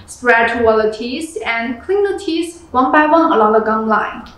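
Reading a product review script in a small indoor room, a young female presenter speaks a little slowly in a fairly high voice. She stays plain and steady, and her phrasing is non-native. Strong room echo and background music fill the recording.

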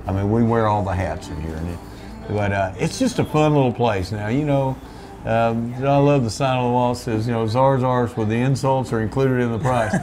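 An older man who owns a small restaurant, telling its history in a relaxed, folksy way with many restarts, seated at a table in a back room. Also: mid-range voice, fairly quick, faint music behind. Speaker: restaurant owner. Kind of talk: relaxed storytelling interview. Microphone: seated at a table, camera in front.

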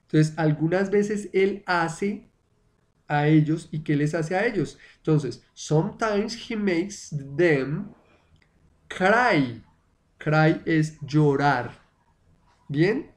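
A man's voice: a little high, expressive, drawn-out words. A man whose first language is Spanish, teaching an online English lesson and patiently repeating words for his students to drill.

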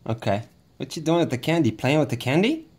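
A woman's voice: extremely low pitch, lively intonation, brisk, darkish tone, breathy edge. A woman hosting a playful candy unboxing, cooing and coaxing a child in a sing-song way. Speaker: candy unboxing channel host. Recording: crinkling candy wrappers and clicks.

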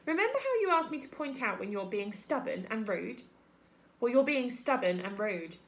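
Woman acting a bossy, animated beaver wife. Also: a little high. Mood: scolding. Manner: brisk, scolding, no-nonsense.

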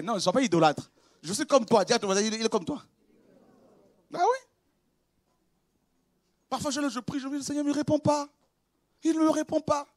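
A very high-pitched male pastor preaching with passion. He drops to a quiet, chatty confiding tone, then bursts into shouts and repeats his words. The sound is dry and close, with no room echo. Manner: impassioned, swings from quiet confiding to shouted exclamations; conversational, with laughs and repetitions. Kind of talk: preaching a sermon.

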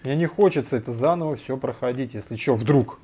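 A man giving casual gameplay commentary, muttering to himself and breaking into frequent loud swearing. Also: mid-range voice, a little fast, breathy edge. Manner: swears often, loud startled outbursts; mutters to himself while playing. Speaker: let's play gamer.

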